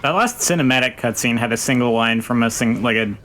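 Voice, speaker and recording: A man's voice: medium pitch, fast talker. Casual male gaming co-host. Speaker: let's play co-host. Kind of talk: casual chat over gameplay. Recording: game noise behind the voice. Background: video game sound.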